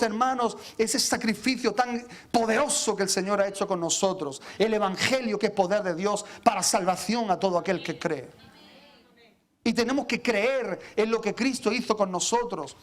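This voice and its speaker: A pastor preaches in a high, ringing voice. He speaks with fervor, calling out to his brothers in the congregation, and stutters over repeated words when he pushes hardest. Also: a bit bright. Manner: impassioned, addresses listeners as brothers, repeats words when fired up. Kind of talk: sermon.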